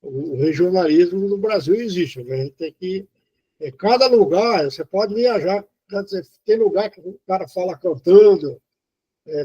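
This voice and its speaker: A man from Brazil giving an informal spoken lesson on poetry, halting and explanatory, with many fillers and restarts. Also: a little high, warm tone, husky. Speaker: poetry teacher. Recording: dull lo-fi recording.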